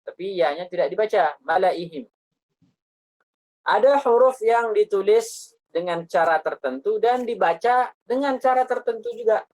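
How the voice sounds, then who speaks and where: A woman teaching a Quran recitation lesson, explaining patiently and reciting example words slowly and repeating them. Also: medium pitch, lively intonation, darkish tone, rough recording.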